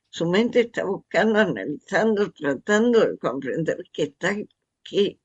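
A host reading a passage from a book aloud, with casual asides to a co-host, in a measured, deliberate way. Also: mid-range voice, breathy edge.

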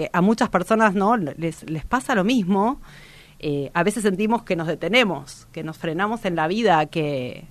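A woman's voice: medium pitch, fairly bright tone. A woman radio host, giving a reflective motivational talk in a strong, powerful voice, direct and vehement with many restarts.

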